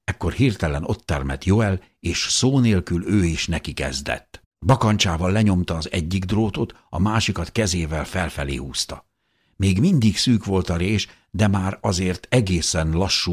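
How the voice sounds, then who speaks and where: A man reading a novel aloud in the first person, in a measured and somber way. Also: low voice, husky. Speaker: audiobook narrator.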